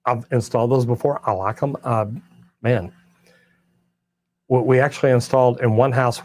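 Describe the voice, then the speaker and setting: Wearing a clip-on lapel mic, an older Texas-accented master plumber answers chat questions on a casual livestream in a folksy, plainspoken, drawling way, spinning stories as he goes. The recording is dry, and his mid-range voice is a little mellow. Behind him is a studio set with shelves of tools and merch.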